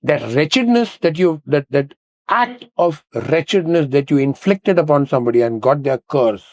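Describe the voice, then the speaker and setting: A man's voice: a little high, animated, moderate pace, a little mellow, dry recording. Emphatic man explaining, dry close mic. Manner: earnest, emphatic, speaks in rhetorical questions. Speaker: podcast host. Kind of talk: casual conversation, explaining ideas.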